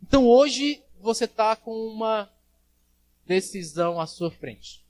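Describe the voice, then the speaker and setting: Male pastor, high voice, church sermon, loud and soft by turns, acts out quoted voices. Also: animated, slow. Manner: preaching with big swings in loudness, acting out quoted voices. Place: church service.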